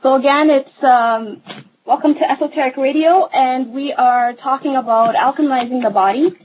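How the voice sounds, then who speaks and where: A woman's voice: high voice, normal speed, a little hiss or hum. Hesitant woman on a tinny phone line. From Somalia. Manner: hesitant, many fillers, new to hosting. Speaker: guest host, holistic nutritionist. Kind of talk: casual live radio talk.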